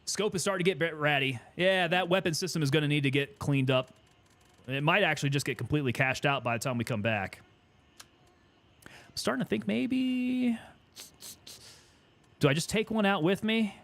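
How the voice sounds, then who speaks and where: A man's voice: a little high, moderate pace, long pauses, fairly bright tone. A man giving casual gameplay commentary, thinking aloud and chatting with teammates as he plays. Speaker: gaming streamer.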